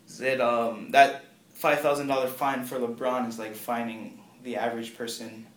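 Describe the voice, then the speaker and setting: A young man hosting a casual sports podcast, easygoing and quick to laugh at himself. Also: medium pitch, level tone. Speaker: podcast host. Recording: echoey room with faint ambient noise.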